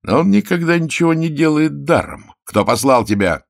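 A man's voice: fairly high pitch, animated, moderate pace, vocal fry, no echo, clean studio sound, pitched above the performer's own voice. A man reading aloud and voicing a proud boy who plays a scornful, commanding knight.

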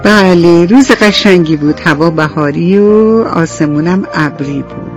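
A man telling a children's bedtime story on the radio, gently asking the young listeners questions as he goes. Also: on the high side, music in the background. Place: radio studio.

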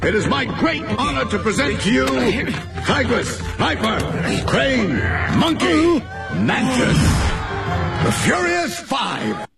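A man putting on a grand old kung fu master who announces heroes to a crowd in a booming, drawn-out proclamation. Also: very animated, creaky, raised voice, loud music behind the voice, exaggerated voice. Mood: proud, grand.

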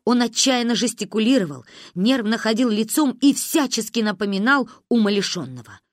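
A woman narrating a family story aloud, acting out the quoted lines of the family members with big jumps in pitch. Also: animated, normal speed, dry recording, studio quality. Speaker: audiobook narrator. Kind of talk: scripted narration with voiced dialogue.

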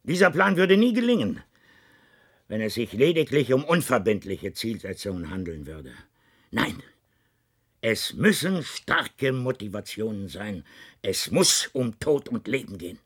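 In a science fiction radio play, a man portrays the grave, lonely president of an underground state, delivering formal, measured, solemn lines broken by weighted pauses. His fairly low, husky voice is a bit bright and swings widely in pitch. The performance is heavily acted, with a grave and deliberate mood.

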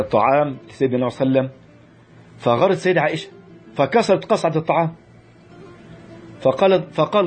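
A man with an Egyptian Arabic accent giving a lively religious lecture on marriage to a class, often repeating and restarting words. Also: medium pitch, breathy edge.

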